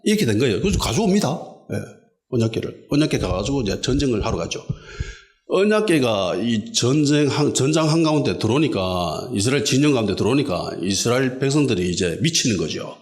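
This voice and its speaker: A man, preaching an expository sermon as pastor, emphatic and animated, repeating lines for stress. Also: mid-range voice, brisk. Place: church in a basement hall.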